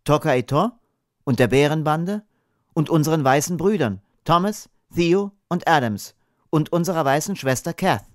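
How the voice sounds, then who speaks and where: A man's voice: on the high side, animated, moderate pace, dry recording, clean studio sound, voice pushed up, natural voice. A man doing an earnest young boy.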